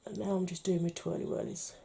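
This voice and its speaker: A British woman talking through a makeup tutorial, chatty and playful, often dropping to a soft murmur. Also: fairly low pitch, fairly even intonation, fast talker, gravelly, slight background noise. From United Kingdom. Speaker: beauty vlogger.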